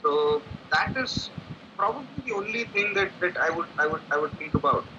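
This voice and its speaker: A man's voice: on the high side, lively intonation, fairly quick. A man giving a client testimonial, heard through a laptop speaker on a call, hesitant and thinking aloud with many restarts. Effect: voice coming through a laptop speaker on a call. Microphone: laptop on a remote call. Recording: muffled lo-fi call audio with background noise.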